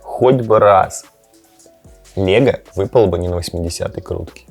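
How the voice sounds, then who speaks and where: Gravelly, slightly rough and low-pitched, this man speaks at a moderate pace over faint background music. As host of a gaming and cooking channel, he chats casually to camera with gameplay reactions, occasionally turning to his cat.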